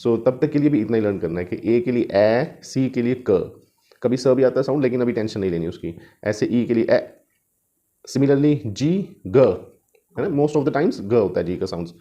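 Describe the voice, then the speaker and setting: A man's voice: mid-range voice, lively intonation, dark tone, highs cut off. A man teaching spoken English, switching between Hindi and English and repeating each point in both languages. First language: Hindi or Urdu. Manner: sounds out letters slowly and drawn out.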